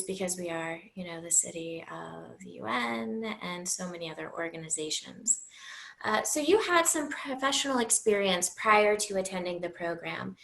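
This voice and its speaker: A woman's voice: mid-range voice, fairly bright tone. A young woman interviewing an alumna, friendly, with frequent hesitations. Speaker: student interviewer.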